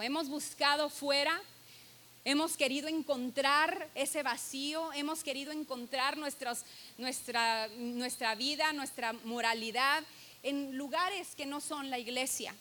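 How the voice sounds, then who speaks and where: A woman's voice: high voice, unhurried, bright, forceful tone. A woman preaching a sermon to her church, earnest and emphatic, stressing key words and reading scripture aloud.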